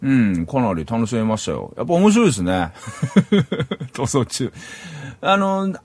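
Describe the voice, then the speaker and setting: A man's voice: medium pitch, big pitch swings, a little slow, a little mellow, no echo. A middle-aged man from Saitama, Japan, hosting a solo podcast in a rambling, casual way and chuckling at himself. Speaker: podcast host.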